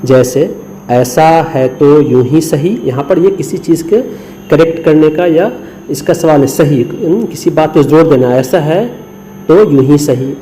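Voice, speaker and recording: A mellow, fairly high male voice comes through a rough recording with slight hiss or hum. The speaker, a man from India, gives a screen lesson on Urdu script, carefully breaking letters into syllables and weaving in English words.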